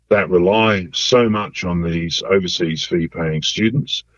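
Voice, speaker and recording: A man, a university lecturer, answering interview questions in an electronically altered, disguised deep voice, measured and hesitant with fillers. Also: dry recording. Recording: dull, lo-fi voice-altered audio.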